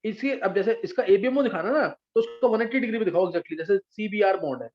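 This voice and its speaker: A man with a high voice teaches a chemistry class, walking through structures patiently and pausing again and again to ask if the students understand. The recording sounds dull and lo-fi. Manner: patient, checks understanding often. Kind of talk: live online class teaching.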